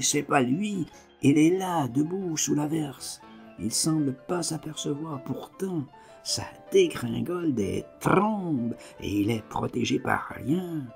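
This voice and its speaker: Slow, gravelly man reading a novel aloud. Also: a little high. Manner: short, clipped phrases read with emphatic swings in loudness. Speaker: reader of a novel. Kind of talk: literary reading of a first-person novel.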